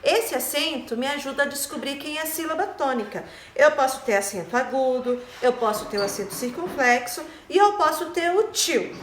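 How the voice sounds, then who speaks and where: This woman teaches primary schoolers online in a high voice with lively intonation. Her explanations are slow and patient, dotted with "né?" and "tá?", and the echoey recording has a bit of hiss or hum.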